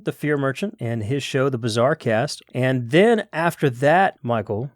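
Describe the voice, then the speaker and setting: A man's voice: medium pitch, darkish tone, no room sound, studio quality. A man co-hosting a podcast, talking in an enthusiastic, rambling way on a video call. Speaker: podcast co-host. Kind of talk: casual podcast chat. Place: home setup on a video call.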